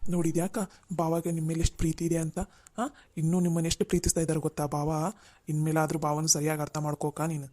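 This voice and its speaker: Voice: medium pitch, monotone, quick pace, dark tone, close to an everyday voice. A voice actor playing an earnest young cartoon brother-in-law who coaxes and pleads with the family. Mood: coaxing. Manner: pleading, coaxing.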